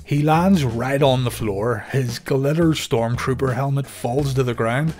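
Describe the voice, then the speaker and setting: A man giving scripted documentary narration in a steady storytelling delivery. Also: mid-range voice.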